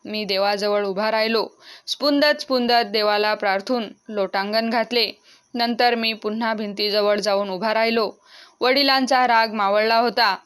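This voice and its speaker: Woman audiobook narrator, steady expressive reading. Smooth, resonant tone, slightly high pitch. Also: moderate pace. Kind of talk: scripted narration of a classic novel.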